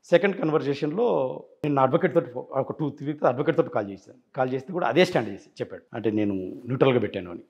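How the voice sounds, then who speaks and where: A man's voice: medium pitch, lively intonation, rapid-fire, darkish tone, lo-fi sound. A man as an interview guest, telling his side insistently and acting out past phone calls. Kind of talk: rapid interview account.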